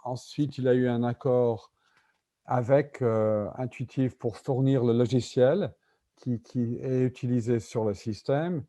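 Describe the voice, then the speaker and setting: Speaking unhurriedly in a warm, mid-range voice, a man from Britain presents at a conference in French. English is his native tongue, his accent is British, and he searches hesitantly for words. He is an invited speaker and executive in medical simulation.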